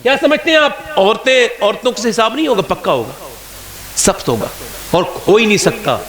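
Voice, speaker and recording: A man with an Indian Urdu accent preaches a sermon at a religious gathering, moving from calm storytelling to high, shouted climaxes.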